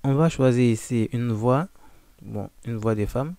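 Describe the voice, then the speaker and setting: A man giving a casual, informal software walkthrough, addressing the listener directly with frequent fillers. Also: medium pitch, a little slow, no echo. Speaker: software tutorial presenter. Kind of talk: casual screen-recording walkthrough.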